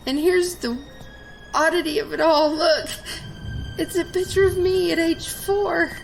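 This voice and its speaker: A frightened young heiress, as a woman plays her, high-voiced and slow, her voice shaky and close to tears. Strong music sits behind her in this audio drama. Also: steady tone, creaky, full character voice, low-quality recording. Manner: shaky and anxious, crying at times.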